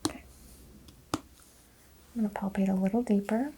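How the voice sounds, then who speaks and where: A woman whispering softly and calmly as a doctor in an ASMR roleplay exam, giving gentle clinical instructions close to the mic. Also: medium pitch, normal speed, noisy background. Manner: soft, calm, clinical bedside whisper.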